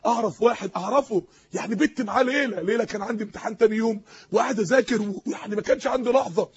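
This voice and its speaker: A man with an Egyptian Arabic accent preaching an emotional, impassioned sermon that rises to shouts, on a dull lo-fi recording. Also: high voice, rapid-fire, slightly rough.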